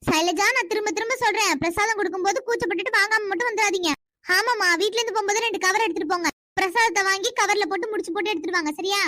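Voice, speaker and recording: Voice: very high voice, very fast, sharp tone, no echo, clean studio sound. A performer voicing a bossy older mother in a cartoon who nags and repeats her instructions over and over. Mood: fussing. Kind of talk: cartoon voice acting.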